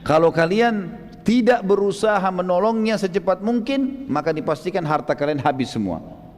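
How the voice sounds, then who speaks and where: A scheming rumor-monger cries out for help in frantic alarm, his pitch pushed up above a plain speaking voice, as a preacher acts him out. The shouts ring with a long hall reverb. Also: expressive, moderate pace. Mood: urgent warning.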